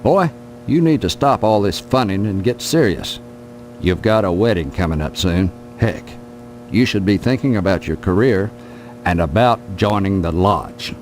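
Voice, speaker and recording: An actor voicing a folksy, skeptical small-town sheriff in a video game, paternal and admonishing, with a drawl. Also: male voice, low voice, animated, moderate pace, a little hiss or hum. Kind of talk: video game character acting.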